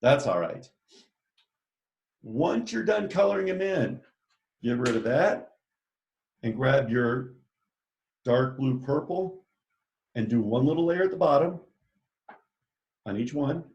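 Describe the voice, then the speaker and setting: A man's voice: mid-range voice, expressive, slow pace, long pauses, darkish tone, dull audio. A man teaching a children's art lesson, talking chattily and enthusiastically as he walks them through each step. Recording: echoey room.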